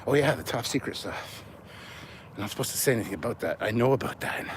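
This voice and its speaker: This man's voice sits in the mid range, with lively intonation and a quick pace. A Canadian livestream host, he walks outdoors slightly winded, rambling informally with his live audience, swearing, and answering comments he reads aloud, while vehicles are heard on the noisy recording.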